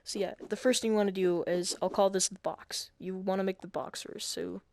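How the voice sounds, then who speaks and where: A man's voice: high voice, flat delivery, a little fast, vocal fry, darkish tone, dry recording. A man talking through a casual screen-recorded game tutorial, hesitant and self-deprecating, with many fillers and restarts.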